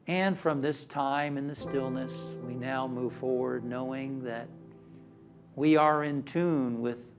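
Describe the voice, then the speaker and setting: Male meditation leader, very unhurried and calm, medium pitch, leaving long pauses, with instrumental music underneath. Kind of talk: guided meditation, spiritual affirmations. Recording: music behind the voice.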